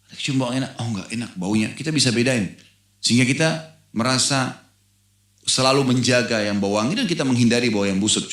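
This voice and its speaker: Low-voiced male preacher, echoey room. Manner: animated storytelling, acts out a dialogue in the anecdote; asks the audience questions. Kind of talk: Islamic sermon.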